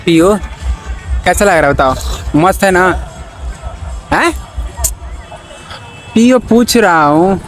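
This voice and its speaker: A high-voiced young man with a lilt, teasing and coaxing in a casual prank vlog. He talks outdoors beside a road, and the sound of passing vehicles rises behind him. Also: animated, slow pace, pauses often, faint music behind, a faint crowd. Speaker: vlogger pulling a prank.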